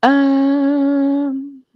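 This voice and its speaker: A woman's voice: high-pitched, completely flat delivery, drawn-out words, no echo, dull audio. A woman crochet designer chatting casually on a livestream, rambling and emotional with many fillers.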